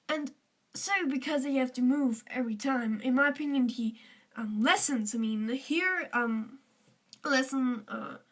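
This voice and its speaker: Teen girl vlogger, Austrian German accent, rambling casual talk, high voice, mic a bit distant. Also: a bit bright. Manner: chatty, rambling, with many fillers and restarts. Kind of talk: casual chat to camera.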